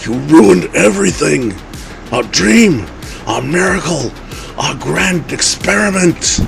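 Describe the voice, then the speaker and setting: A man's voice: fairly high pitch, animated, slow, gravelly, over music, pitched above the performer's own voice, exaggerated voice. A man doing a snarling, shrieking half-wolf leader. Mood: raging. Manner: snarling, yelling. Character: enraged half-shifted male werewolf leader.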